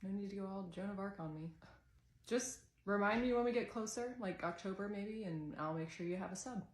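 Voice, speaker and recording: A woman's voice: mid-range voice, fairly quick. A woman acting in a comedy skit, firm and assertive, recorded in an echoey room. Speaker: teacher and comedy skit creator.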